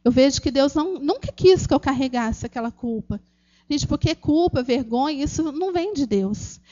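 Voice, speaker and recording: At a church gathering, a Brazilian woman with a Brazilian Portuguese accent earnestly shares an emotional personal testimony, speaking directly to the audience, calling them "gente," and restarting often. Her voice is high, animated, and dark in tone at a moderate pace, and the audio is dull.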